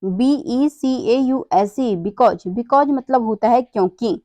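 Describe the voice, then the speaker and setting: A woman's voice: a little high, takes it slowly, darkish tone, no room sound. A woman teaches English pronunciation rules, spelling words out letter by letter and asking and answering her own questions. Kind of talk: slow spelling-out lesson.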